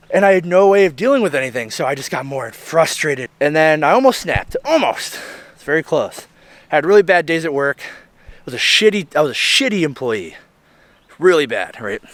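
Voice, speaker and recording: A man's voice: fairly high pitch, a bit bright, no room sound. A young man telling his own story in a candid, rambling vlog, swearing and often checking in with "right?". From Illinois. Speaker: vlogger. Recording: faint music behind. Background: faint background music.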